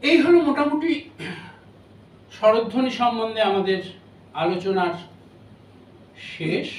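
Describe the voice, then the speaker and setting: Distant, echoey high-voiced male lecturer. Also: a little hiss or hum. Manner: measured, explanatory, pauses between phrases. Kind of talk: memorial lecture on phonetics. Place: lecture hall. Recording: roomy hall audio from a distance.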